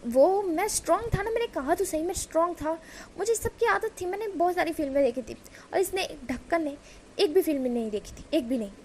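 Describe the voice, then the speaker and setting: A woman's voice: extremely high pitch, animated, fairly quick, a little mellow, slight background noise, pitched above the performer's own voice. A woman voicing a boastful young man who teases his brother and stammers when he is questioned. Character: cocky young man, teasing older brother.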